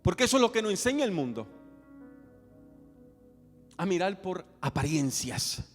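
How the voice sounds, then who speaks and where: A man's voice: high-pitched, moderate pace. A man preaching a sermon as pastor, telling stories and questioning the congregation. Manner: animated storytelling, questioning the congregation. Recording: reverberant hall with faint music.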